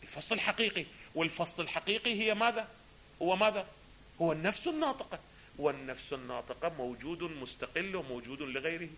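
A man's voice: on the high side, fast talker, sharp tone, slight background noise. A man giving a lecture on a philosophy text, often asking rhetorical questions and answering them himself. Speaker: religious scholar teaching a text.

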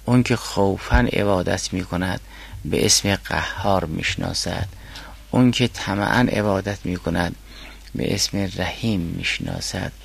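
A man teaching a class on a mystical philosophy text, reading classical quotations slowly and then explaining them. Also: low-pitched, gravelly, a bit bright, slightly rough.

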